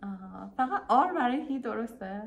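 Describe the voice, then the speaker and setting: A woman's voice: fairly high pitch, lively intonation, gravelly, phone-quality sound, background noise. Encouraging woman teacher in an echoey room. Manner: upbeat, praising, drills phrases slowly. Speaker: English teacher. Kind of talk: teaching English to beginners.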